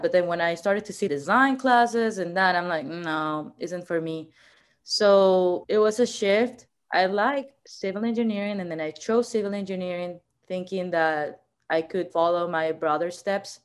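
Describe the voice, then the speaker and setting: A woman from Venezuela speaks as a podcast guest in a fairly low voice. She answers in a chatty, loose way, with frequent laughs and fillers. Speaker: guest, marketing manager. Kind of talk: casual interview answers.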